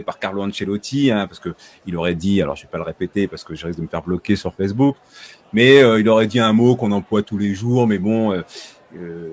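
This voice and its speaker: A man's voice: on the low side, darkish tone. A man hosting a casual sports news podcast, chatty and full of hesitations, restarts and jokey asides to his listeners. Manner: hesitant, heavy fillers and restarts. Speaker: podcast host.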